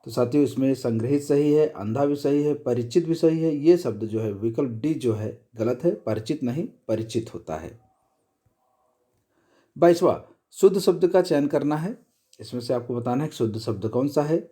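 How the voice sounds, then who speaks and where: A man with a very dark, mellow voice works through exam questions as a tutor. He explains each answer and then repeats the correct word, checking in often with short "okay"s. His pitch sits in an ordinary middle range. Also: lively intonation, moderate pace. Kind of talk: exam prep lesson.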